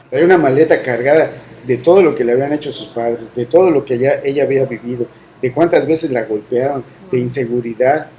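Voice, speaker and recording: Guy in his middle years telling his faith story, stops and restarts a lot, mellow low-key voice. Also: a little hiss or hum, poor audio. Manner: earnest, halting storytelling with restarts. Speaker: guest sharing testimony. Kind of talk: personal faith testimony.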